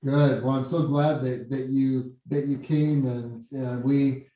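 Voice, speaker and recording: A man hosting a meeting in casual, halting talk, who repeats his words and sounds hollow, as if speaking in a hole, because he sits far from a computer mic. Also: mid-range voice, steady tone, dark tone, lo-fi sound. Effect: hollow cave-like echo, as if speaking in a hole. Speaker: meeting host. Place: meeting room with windows and blinds. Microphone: computer mic set back from the speaker. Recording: very echoey room, far from the mic.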